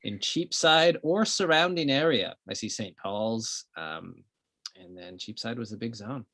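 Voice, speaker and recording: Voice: medium pitch, lively intonation, unhurried, fairly bright tone, no room sound. An improv co-host bantering casually on a live stream.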